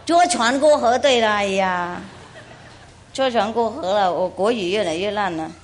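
A woman from Taiwan, a spiritual teacher, telling a moral story in a chatty, animated way and often asking listeners questions. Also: mid-range voice, moderate pace, a little hiss or hum. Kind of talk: storytelling sermon.

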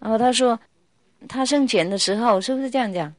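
A woman spiritual teacher giving a relaxed, playful talk to her students and telling stories, laughing often. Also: fairly high pitch, a little fast, no room sound. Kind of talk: casual spiritual talk with storytelling.

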